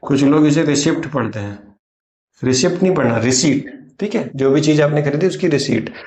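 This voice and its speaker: A man with an Indian accent teaching spoken English, explaining in Hindi and saying English phrases slowly. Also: on the high side, expressive, darkish tone, reverberant. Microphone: writes on a board while teaching.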